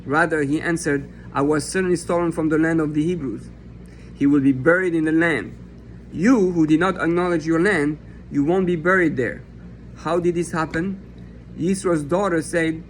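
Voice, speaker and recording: Raised in France, a rabbi reads a text aloud in a Torah lesson and explains it earnestly and passionately, acting out imagined questions and answers. His voice is fairly high, and the low-quality recording carries a slight hiss or hum.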